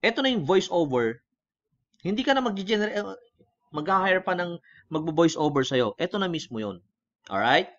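A man with a Filipino accent hosts a relaxed screen-recorded tutorial. He mixes Tagalog and English and keeps checking in with the viewer. His voice sits a little high, and the recording sounds dull and lo-fi. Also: normal speed, long pauses. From Philippines. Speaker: online tutorial host.

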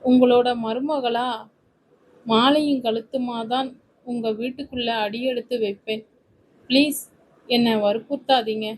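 A sincere young bride-to-be speaks politely and pleads softly, voiced by a woman reading a story. The voice sits fairly high. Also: steady tone, a little slow, long pauses, a little hiss or hum, lightly acted, rough recording. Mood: pleading.

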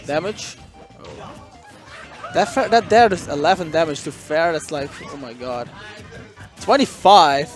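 A man's voice: fairly high pitch, expressive, normal speed, over music. A man giving casual color commentary on a fighting-game match, leaning on fillers like "I mean". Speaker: esports co-commentator.

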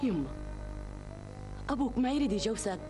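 A woman acts an affectionate old Bedouin mother in a television drama. Her Bedouin Arabic comes quickly, with lively swings of pitch and music behind it. She is tender and reassuring. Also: close to an everyday voice. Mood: fond, explaining. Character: affectionate elderly Bedouin mother, eager to see her son married.

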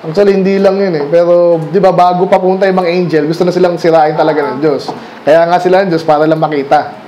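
A pastor from the Philippines moves at a quick pace through a conversational sermon at a Sunday night church service. He fires rhetorical questions at the congregation and alternates Tagalog and English in a high, mellow voice with fairly even intonation. There's slight background noise.

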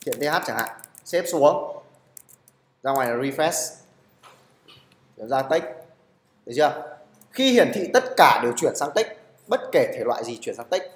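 A man's voice: medium pitch, very animated, normal speed, long pauses, echoey room. A man teaching a live programming class in a classroom, checking in with his students again and again. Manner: keeps asking "được chưa?" to check on students. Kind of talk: live classroom coding lesson.

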